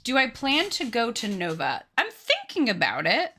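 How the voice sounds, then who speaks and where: A woman in her late twenties talks at normal speed in a slightly high, slightly rough voice with a sharp tone and wildly swooping pitch. She chats casually with her live-stream audience as she crafts, joking with them and teasing herself.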